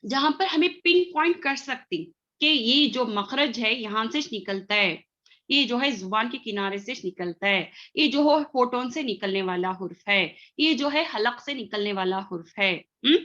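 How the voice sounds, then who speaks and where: A woman with a bright, clear, fairly high voice teaches a recitation lesson over a muffled, lo-fi line. She talks patiently and repeats key words slowly. She stops often to check that the class is following. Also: animated. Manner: spells out letters one by one.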